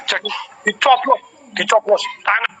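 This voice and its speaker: A man's voice: high voice, moderate pace, breathy edge, low-quality recording. A middle-aged man, a business coach, telling emotional stories animatedly in an interview. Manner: emotional, animated storyteller with many repeated exclamations. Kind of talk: conversational storytelling interview.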